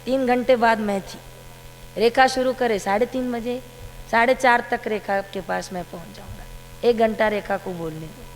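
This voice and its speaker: A woman's voice: a little high, normal speed. A woman giving a devotional satsang talk, telling a story about her guru and quoting his words. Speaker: satsang speaker. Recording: long hall reverb with faint hum.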